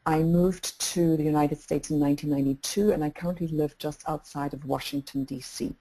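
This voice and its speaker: A middle-aged woman from England, a coach introducing a webinar, talking in a measured way with frequent fillers and restarts. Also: sits low, fairly even intonation, warm tone, a little hiss or hum, poor audio. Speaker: executive coach and webinar co-host.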